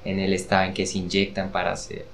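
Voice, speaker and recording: A man, a guest expert explaining patiently in a measured way with hesitant fillers. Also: low-pitched, completely flat delivery, slight background noise. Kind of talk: casual explanatory chat.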